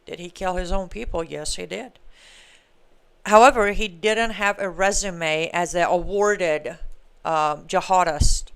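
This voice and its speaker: Woman host of a live political commentary stream, smooth and emphatic, argues hard and turns sarcastic. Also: fairly low pitch, a little slow, a bit bright. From Iran. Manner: emphatic, argumentative, with sarcastic asides.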